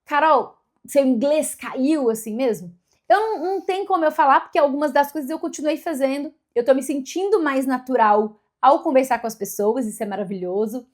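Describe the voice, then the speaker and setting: Chatty woman with a higher voice. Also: brisk, darkish tone. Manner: chatty, self-correcting, upbeat. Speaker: vlogger. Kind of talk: casual vlog talk to camera.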